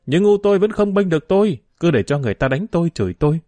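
A man's voice: fairly high pitch, very animated, quick pace, mellow, no room sound, pitched above the performer's own voice. A man voicing a stubborn, tearful poor young boy who talks back defiantly in a raised voice.

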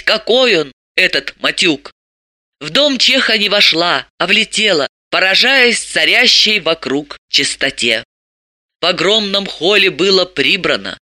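An audiobook reader narrating a story with expressive, lively delivery. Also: medium pitch, no room sound, studio quality.

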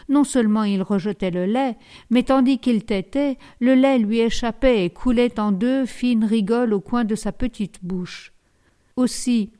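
A woman narrating a novel in the first person as an audiobook, in a measured, sober way. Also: fairly high pitch, mellow, clean tone.

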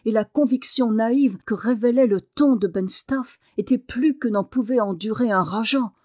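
A woman narrating a novel aloud in an expressive reading voice. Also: fairly high pitch, moderate pace, no echo, studio quality. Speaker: audiobook narrator. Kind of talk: scripted narration.

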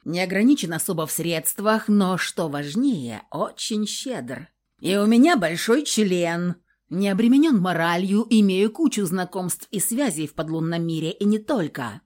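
A woman's voice: on the low side, animated, unhurried, darkish tone. A woman voicing a cocky young male warlock who talks smugly and without a care, in a read-aloud story. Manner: smug, drawling, unbothered.

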